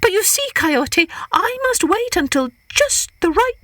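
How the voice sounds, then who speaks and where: Cunning old hare, storybook trickster, very high pitch, pleading, mock-innocent, animated. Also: female voice, unhurried, dry recording, clean studio sound, full character voice. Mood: coaxing. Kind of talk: storybook character voice.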